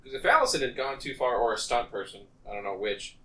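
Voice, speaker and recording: A man co-hosting a podcast, chatting casually and getting animated when he acts out characters. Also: mid-range voice, fast talker, poor audio. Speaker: podcast co-host. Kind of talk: casual chat.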